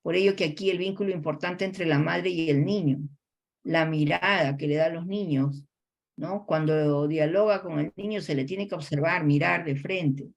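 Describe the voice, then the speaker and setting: A woman lecturer with a Peruvian Spanish accent, explaining child language development in a class, often ending phrases with a questioning "no?" and pausing on fillers. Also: low-pitched, gravelly, lo-fi sound. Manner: explanatory, tags sentences with a questioning "no?"; frequent hesitation fillers. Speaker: college lecturer.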